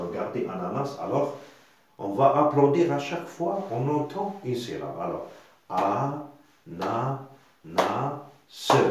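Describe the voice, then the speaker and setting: Male teacher, slow and low-voiced, patient and repetitive, recorded in a very echoey room. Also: a little mellow, slight background noise. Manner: repetitive, patient, sounds out syllables slowly with tags like hein. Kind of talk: spoken reading lesson.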